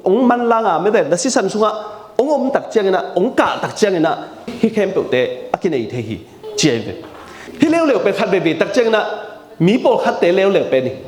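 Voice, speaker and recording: Male preacher, high and very animated, repetitive emphatic delivery, mixes in English words, roomy echo. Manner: mixes English terms into his speech. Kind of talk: sermon. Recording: echoey room.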